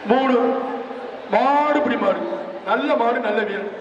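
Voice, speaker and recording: A man calling a bull-taming event through a public-address loudspeaker, excited and shouting repeated short cries. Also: extremely high pitch, takes it slowly, highs cut off, background noise. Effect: heard through a public-address loudspeaker. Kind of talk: live commentary over loudspeaker. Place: open-air arena with a large crowd. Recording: echoing loudspeaker from far off over crowd.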